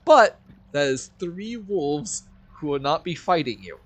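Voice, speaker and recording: A man running a tabletop game as game master, playful and lively. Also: a little high, measured pace.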